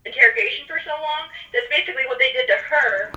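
A woman calling in on speakerphone from her car, chatting casually and quickly as a podcast guest. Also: high voice, bright, forceful tone, recorded from a distance, dull audio. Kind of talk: casual chat.

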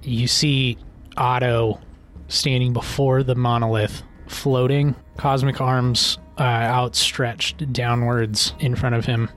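A man's voice: medium pitch, level tone, slow pace, a bit bright. A man working as game master, narrating a tabletop fantasy game in an improvised, descriptive way. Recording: music behind.

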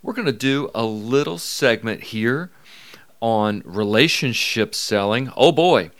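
A man's voice: medium pitch, animated, slow pace, no echo. A middle-aged man hosting his podcast, upbeat and folksy with playful emphasis. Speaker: podcast host. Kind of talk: energetic podcast monologue.

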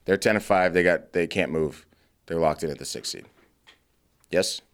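A man with a very low, deep voice co-hosting a loose sports podcast. He talks bluntly and argues hard, tossing in profanity, with gum in his mouth. The tone stays casual between friends. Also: normal speed, clean tone. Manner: chewing gum while talking. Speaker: podcast co-host.

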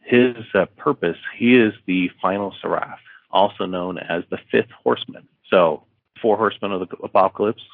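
A man with a very low voice talks casually as an interview guest, restarting sentences and filling pauses. The sound is dry and narrow, like a phone call. He tells a story at an easygoing pace. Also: no echo. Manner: rambling with many fillers and restarts, acting out dialogue. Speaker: author guest.

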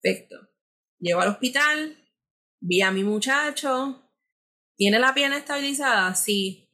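A woman's voice: high voice, expressive, measured pace, bright, forceful tone. A woman who is a podcast guest giving earnest advice, addressing the listener directly and acting out bits of inner dialogue.

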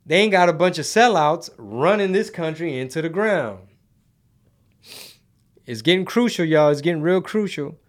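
A man's voice: fairly high pitch, expressive, normal speed, long pauses. A man hosting a casual live commentary show, talking in slangy, conversational phrases to his viewers.

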